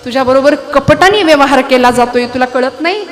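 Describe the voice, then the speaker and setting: A woman's voice: high-pitched, a little fast, faint music behind, lightly acted. A woman kirtan performer voicing a sly, scheming old uncle who needles his nephew, in a coaxing, needling tone.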